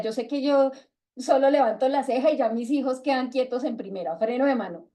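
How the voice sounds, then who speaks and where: A middle-aged woman with a Colombian accent leading a book club on a video call, talking casually and acting out bits of dialogue with a raised voice. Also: fairly high pitch. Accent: Colombian Spanish. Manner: lively, acts out quoted dialogue in raised voice. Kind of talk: casual talk to a reading group.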